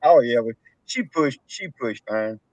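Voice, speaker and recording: A man's voice: mid-range voice, lively intonation, measured pace, darkish tone, no room sound. Texan man, cattle farmer hosting a live chat, rambling laughing storyteller, muffled lo-fi sound, dry. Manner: rambling, laughing storyteller with rural Southern grammar. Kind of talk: casual chat on a live stream. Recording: dull, dry lo-fi stream audio.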